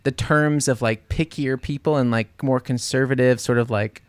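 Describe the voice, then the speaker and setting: A man hosts a loose, friendly interview. He talks at a medium pitch and slips into quoted voices as he tells stories. The room is dry, with almost no echo. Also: moderate pace, clear, resonant tone. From New Orleans, USA. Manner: animated storyteller, acts out quoted voices, laughs often. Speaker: podcast host. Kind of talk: casual interview chat.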